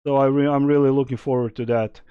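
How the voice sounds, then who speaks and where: A man's voice: medium pitch, steady tone, fast, smooth, dry recording, phone-quality sound. A young man from Serbia, casually streaming and answering chat questions in a rambling way with many fillers. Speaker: game streamer.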